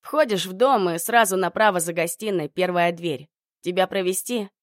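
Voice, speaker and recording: A woman's voice: on the low side, normal speed, no room sound, clean studio sound, lightly acted. A woman voicing a friendly young man who politely gives directions. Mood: helpful.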